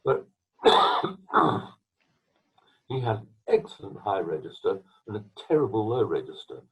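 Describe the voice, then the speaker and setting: An older man from England, a retired trombonist, telling long rambling stories from his career with restarts and throat-clearing, speaking from home over a video call. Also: on the low side, sing-song, a little slow, a bit bright. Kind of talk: storytelling interview. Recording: tinny video call line.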